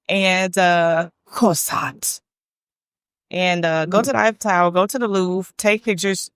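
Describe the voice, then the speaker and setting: A woman's voice: fairly low pitch, fairly bright tone, clean tone, no room sound, clean studio sound. A woman vlogging casually about travel, chatty and repeating points for emphasis. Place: hotel room.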